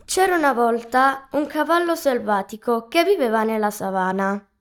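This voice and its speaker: A woman's voice: a little high, animated, moderate pace. A woman narrating a children's fable, trading lines with another reader. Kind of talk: reading a story aloud.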